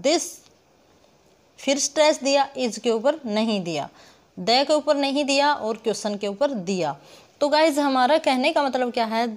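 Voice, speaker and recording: Woman teaching, Hinglish explainer. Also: a little high. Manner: rhetorical questions she answers herself, addresses viewers as guys; sounds out words syllable by syllable. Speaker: literature teacher. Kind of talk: online lesson explaining poetic meter.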